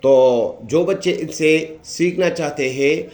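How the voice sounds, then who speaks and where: A man with a Pakistani Urdu accent giving a patient recitation lesson, explaining each letter and repeating it slowly and drawn out. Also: fairly high pitch, darkish tone. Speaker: Quran recitation teacher.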